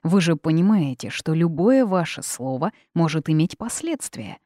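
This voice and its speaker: A woman's voice: deep voice, big pitch swings, moderate pace, dark tone, no echo, clean studio sound. A woman voicing an arrogant, haughty male dragon who scolds and threatens. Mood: menacing.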